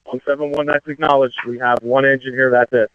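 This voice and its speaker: Urgent firefighter commander on dull radio. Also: male voice, mid-range voice, flat delivery, a little fast, clean tone, no room sound. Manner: terse, directive, authoritative. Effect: two-way radio transmission. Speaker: fireground incident commander.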